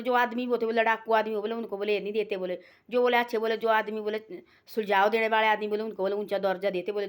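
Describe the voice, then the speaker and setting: Woman telling an old family story, folksy and rambling, keeps repeating little filler words. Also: a little high. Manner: homely, folksy and unpolished. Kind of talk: casual spoken moral story.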